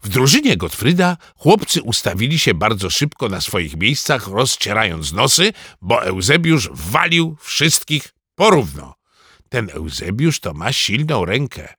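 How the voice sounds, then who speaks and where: A man reading a children's story aloud in a lively first-person boy narrator's manner. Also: on the low side, a little slow, breathy edge, no echo, clean studio sound. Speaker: audiobook narrator.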